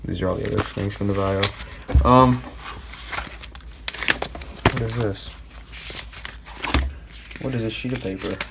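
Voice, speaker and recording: Low, gravelly-voiced man rambling casually. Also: fairly even intonation, measured pace, long pauses. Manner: rambling, hesitant, thinking aloud. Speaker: tech hobbyist host. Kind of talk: casual commentary while unboxing and building a PC. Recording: noisy home recording.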